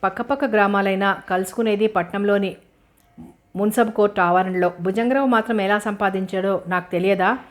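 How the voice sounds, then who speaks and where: A scheming, spiteful middle-aged village man from a storybook, sneering as he gossips, put on by a woman narrating. He talks at a medium pitch, in a needling, grudging tone. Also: steady tone, a little fast, close to an everyday voice. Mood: resentful.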